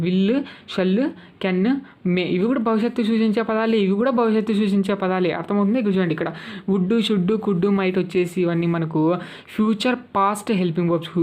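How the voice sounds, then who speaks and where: A woman's voice: mid-range voice, darkish tone. A woman teaching an English grammar lesson. She explains patiently, repeats each point and keeps asking whether the learner has understood. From Telugu-speaking South India. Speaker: English tutor.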